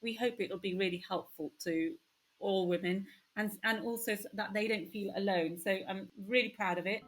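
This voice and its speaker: A woman's voice: medium pitch, fairly quick. A woman doctor who is a podcast guest, explaining in an earnest way with small fillers. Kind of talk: interview answers.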